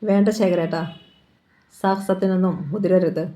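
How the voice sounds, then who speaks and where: A woman's voice: on the low side, flat delivery, moderate pace, dark tone, natural voice. A woman reading the part of an arrogant male chief minister, smug and threatening, in a storybook reading. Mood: menacing.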